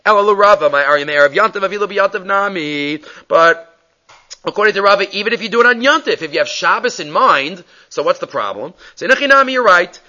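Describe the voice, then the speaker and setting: A man's voice: sits high, fast talker, highs cut off. A man teaching a Talmud class, explaining the text phrase by phrase, asking rhetorical questions and acting out the characters' reactions. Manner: lively, acts out the characters' reactions.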